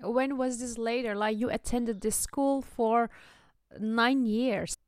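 A woman hosting an interview show, speaking in a measured, deliberate way. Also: a little high, steady tone, clear, resonant tone. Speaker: podcast host. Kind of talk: interview and scripted intro.

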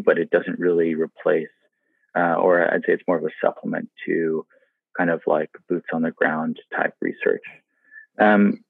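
A man's voice: deep voice, creaky, dry recording. A man hosting a conversational podcast interview, thinking aloud and hedging as he talks. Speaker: podcast host. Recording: dry, tinny phone-like line.

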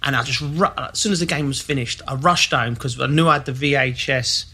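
An English man, a former footballer, telling a story in casual chat with quick asides. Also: medium pitch, pushed and bright, husky. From England.

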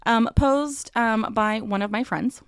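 Gravelly-voiced chatty woman podcaster. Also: a little high, unhurried, dry recording, studio quality. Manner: chatty, filler-heavy, laughs easily. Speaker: podcast co-host. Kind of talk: casual podcast chat.

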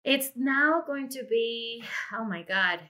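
Slow and expressive, with a slightly high, sharp voice, this middle-aged woman recounts her own experience. She is from Puerto Rico, owns an insurance agency, and appears as a guest telling her career story in an effusive, conversational interview.

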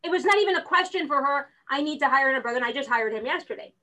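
A woman's voice: high voice, very fast, rough recording. A woman recruiter talking with lots of energy as a guest, acting out conversations as she tells them. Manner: energetic, animated, acts out quotes. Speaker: real estate recruiter, guest. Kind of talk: casual interview chat.

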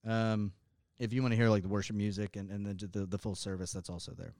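Man, pastor, halting speech with restarts, slight lisp from dental work, smooth low voice, dry. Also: fairly even intonation, darkish tone, no echo. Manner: halting, stumbling over words, many restarts. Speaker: pastor and podcast co-host. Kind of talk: casual chat.

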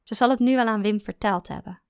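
A woman's voice: on the high side, fast talker, clean tone, no room sound, clean studio sound, lightly acted. A woman voicing a frank, blunt young wife in a read-aloud story, speaking matter-of-factly. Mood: brisk. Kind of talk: audiobook reading.

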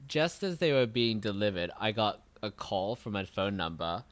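A young man co-hosting a podcast, telling a story in a casual, animated way, swearing freely and laughing at his own jokes. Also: lowish voice, moderate pace, dry recording. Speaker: podcast co-host. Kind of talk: casual chat.

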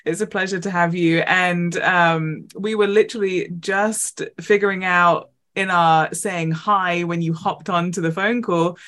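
A woman co-hosting a podcast in casual chat, talking in quick asides and laughing often. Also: lowish voice, steady tone, fairly bright tone. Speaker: podcast co-host.

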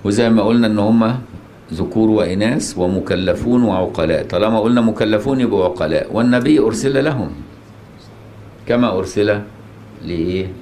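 An Egyptian-accented man teaches a religious lesson in plain colloquial speech, pausing to ask his listeners questions and check they follow. His voice sits on the low side. The recording rings with the echo of a mosque, with faint noise underneath. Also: dark tone. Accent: Egyptian Arabic.

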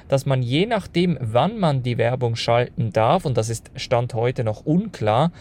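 A male podcast host reads a brisk news rundown on a low-quality recording made on the road. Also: a little mellow. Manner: brisk, matter-of-fact, talks straight to listeners. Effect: low-quality audio recorded on the go. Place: on the road, away from his usual setup. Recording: faint noise and low rumble, lo-fi mobile recording.

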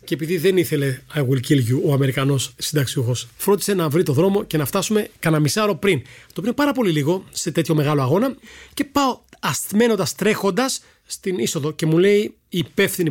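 A middle-aged man with a somewhat high voice recounts his broadcasting anecdotes with gusto. He acts out the people in his stories, shifting his tone as he quotes them. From Greece. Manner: animated storyteller who acts out voices in quotes. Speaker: sports broadcaster, guest. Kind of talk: storytelling in a podcast chat.

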